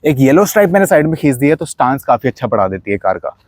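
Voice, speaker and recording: His medium-pitched voice swings widely in pitch and comes out rapid-fire, with no echo. The young man, who has an Indian accent, casually walks around his modified car, chattily pointing things out and blending Hindi with English.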